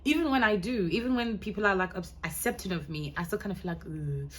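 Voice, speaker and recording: A woman's voice: mid-range voice, expressive, fast talker, a bit bright. A young woman from Ghana with a mixed American, Ghanaian and London accent, chatting candidly to camera in a rambling, casual way. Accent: mix of American, Ghanaian and London. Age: young adult. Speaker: vlogger.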